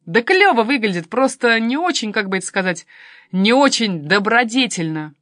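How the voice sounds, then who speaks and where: A woman's voice: on the high side, lively intonation, a bit bright, no echo, clean studio sound. A woman reading a story, voicing a cheeky, mocking teenage daughter. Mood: teasing. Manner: quick, teasing, pert.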